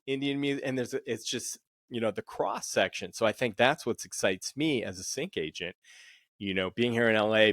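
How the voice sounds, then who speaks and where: A man's voice: fairly low pitch, a bit bright, no room sound, clean studio sound. A middle-aged man hosting a panel interview, rambling with many fillers and restarts. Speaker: podcast host and sync agent.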